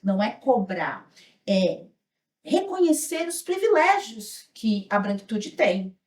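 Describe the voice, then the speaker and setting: A Brazilian woman with a high voice leads a workshop in a hotel auditorium. She speaks earnestly and reflectively, tagging her lines with "né?". She sounds set back from the mic, and the room echoes around her. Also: big pitch swings, slow, recorded from a distance. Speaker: speaker leading an anti-racism workshop. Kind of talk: workshop talk with a small group.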